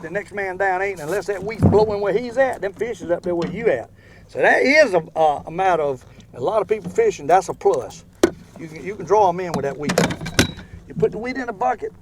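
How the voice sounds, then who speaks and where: A man's voice: high-pitched, lively intonation, brisk. An older man with a Southern US accent chatting casually and ramblingly as he hosts an outdoor fishing vlog. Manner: folksy, rambling. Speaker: fishing show host. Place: outdoors in a boat on a lake. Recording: outdoor boat ambience, faint noise.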